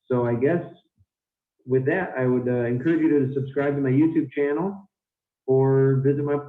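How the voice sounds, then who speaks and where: A man's voice: medium pitch, steady tone, moderate pace. Guy explaining english stress, repeats sample sentences, tinny echoey sound. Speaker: English pronunciation teacher. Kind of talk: online lesson.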